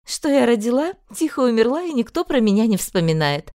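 A woman voicing a grumpy, sly aristocratic mother who talks high, shrill and sharp-tongued. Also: big pitch swings, a little fast, dry recording, clean studio sound. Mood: sly warm.

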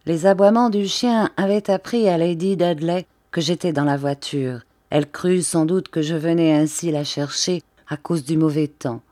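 A woman reads a classic novel aloud in a measured, expressive way. Her voice is low and mellow, and the close recording sounds dry with no room around it. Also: no room sound. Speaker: audiobook reader. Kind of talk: literary audiobook narration.

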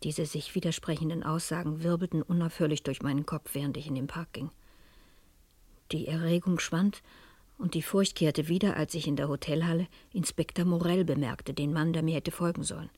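An actress with a low-pitched, slightly mellow voice speaks briskly with fairly even intonation and no room sound, playing a determined, inquisitive woman sleuth in a radio crime drama. Formal and probing, she sounds pensive and tense across dialogue and first-person narration.

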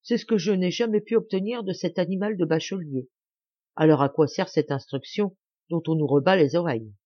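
A woman's voice: on the low side, a little fast, warm tone, dry recording, dull audio, lightly acted. A woman voicing a kindly, pompous village mayor who talks with solemn gravity. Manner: solemn, benevolent.

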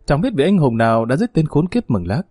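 A man's voice: fairly high pitch, big pitch swings, brisk, dark tone, husky, no echo, clean studio sound, soft background music. A man voicing a sly male opium-den attendant who chatters eagerly and servilely. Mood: fawning.

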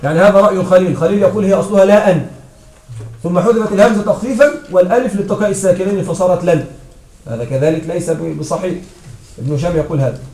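High-voiced man teaching a grammar lesson. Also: racing, warm tone. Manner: checks understanding with frequent questions to students. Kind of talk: classroom lesson explaining grammar. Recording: echoey room from far off.

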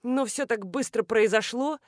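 Bumbling earnest male professor, read by a woman narrator, rambling explanations, slightly high voice. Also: normal speed, no echo, studio quality, lightly acted. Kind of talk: audiobook character reading.

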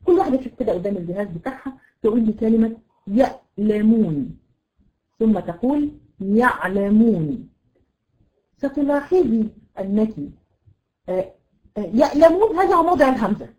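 Fast-talking Egyptian woman teaching tajweed. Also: on the high side, expressive, darkish tone, low-quality recording. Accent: Egyptian Arabic. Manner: explains patiently, models sounds slowly and repeats them. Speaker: Quran recitation teacher. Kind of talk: online tajweed lesson to women students.

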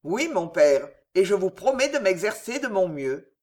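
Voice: medium pitch, sing-song, moderate pace, darkish tone, close to an everyday voice. A reader voicing an earnest young knight who answers his father dutifully and pleads with him in a storybook reading. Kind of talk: audiobook character reading.

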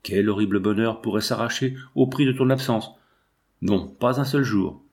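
A man's voice: fairly low pitch, fairly even intonation, a little fast, lightly acted. A man voicing an anxious, loving mother who pleads in anguish not to lose her daughter, in a storybook reading.

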